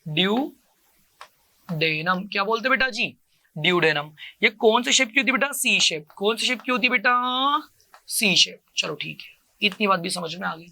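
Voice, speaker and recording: A male coaching teacher giving a lecture. He asks each question, answers it himself in a lower voice, and repeats every term to drill it. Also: brisk, creaky, bright, forceful tone. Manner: keeps calling the listener "beta" and repeats each term. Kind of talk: classroom lecture with call-and-response drilling.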